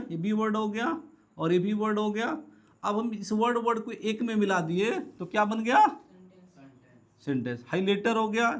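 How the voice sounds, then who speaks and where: A man teaching a grammar lesson to students in a classroom lecture, who asks and answers his own questions and repeats the key words. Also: high-pitched. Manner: calls students "beta". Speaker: English teacher.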